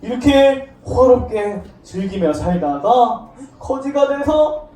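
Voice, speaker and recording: A woman's voice: on the high side, slow. A woman giving a children's sermon in church, asking the children questions and acting out the story playfully. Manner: animated, asks children questions, acts out lines playfully. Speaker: children's Sunday school teacher. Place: church classroom. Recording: distant mic in an echoey room.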